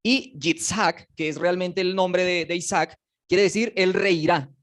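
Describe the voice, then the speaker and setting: A man teaching a casual Bible class, animated and joking, and putting questions to his students. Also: high-pitched, unhurried. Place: classroom with slides.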